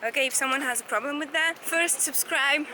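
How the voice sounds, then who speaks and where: A woman's voice: sits high, a little fast. A woman in her twenties vlogging outdoors on a city street, chatting casually in a playful, teasing way. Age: 20s. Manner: playful, teasing, bursts into laughs. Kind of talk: casual chat. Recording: loud crowd and street noise. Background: crowd and traffic.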